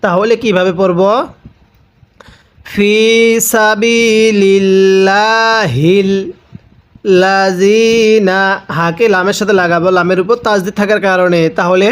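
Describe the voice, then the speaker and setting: A man's voice: high-pitched, fairly even intonation. A man with a Bangladeshi Bengali accent teaching Quran recitation, stretching out the Arabic words in a melodic chant and asking the learner again and again how each phrase is read. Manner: drawn-out melodic recitation of Arabic words between brisk explanations; repeats himself and asks the viewer how to read each phrase. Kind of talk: spelling-out Quran recitation lesson.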